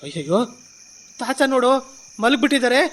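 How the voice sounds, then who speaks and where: A man's voice: very high-pitched, sing-song, brisk, a bit bright, slight background noise, exaggerated voice. An actor playing a caring young man in a radio drama, urgently calling for help and soothing an old woman. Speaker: helpful young neighbour in a radio play.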